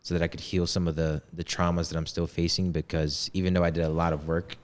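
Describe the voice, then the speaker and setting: A man's voice: low-pitched, flat delivery, quick pace. A man in his twenties, a podcast guest, telling a personal story in a candid, slangy way, full of "yo" and "bro". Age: 20s. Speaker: podcast guest, men's coach. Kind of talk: casual storytelling.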